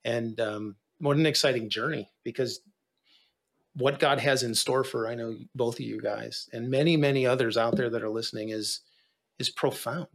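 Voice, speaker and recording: A man's voice: mid-range voice, normal speed, creaky. A man hosting a podcast, affirming his guests and encouraging listeners in a preacher-like way. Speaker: podcast host. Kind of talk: casual podcast conversation.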